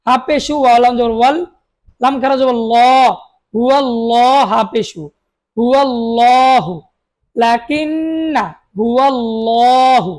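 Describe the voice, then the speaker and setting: A woman's voice: fairly high pitch, a little mellow. A woman teaching Quran reading, spelling out Arabic syllables one by one and asking listeners to repeat after her, with short explanations of the rules. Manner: slow, drawn-out recitation of each syllable, with short explanations of rules.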